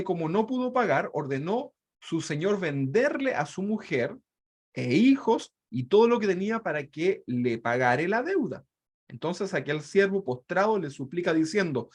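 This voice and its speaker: High-voiced man teaching a Bible lesson. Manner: reads scripture aloud and breaks in with asides; ends phrases with a questioning tag. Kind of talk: online Bible study lesson.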